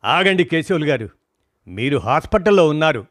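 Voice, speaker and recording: A composed middle-aged male doctor speaks with quiet authority, reassuring the family and telling them exactly what to do, voiced by a man reading a story. His voice sits a touch above the reader's usual pitch and sounds close and dry. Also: moderate pace, no echo. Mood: calm, directing. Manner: steady, reassuring, gives firm instructions.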